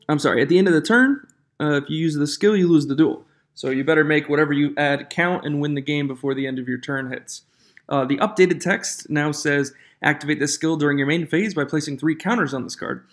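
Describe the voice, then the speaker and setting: A man hosting his own channel, chatting casually about rule changes in an echoey room away from his usual studio, on a different microphone, reading rule text aloud and getting worked up. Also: fairly high pitch. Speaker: channel host. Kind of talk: casual commentary reviewing game rule changes.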